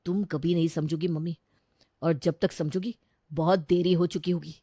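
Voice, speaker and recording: Woman doing a grumpy young guy, low flat sulky voice, cartoon dub. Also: normal speed, no echo, clean studio sound, lightly acted. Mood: sullen. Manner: flat and sullen. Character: sulky young man, a resigned son.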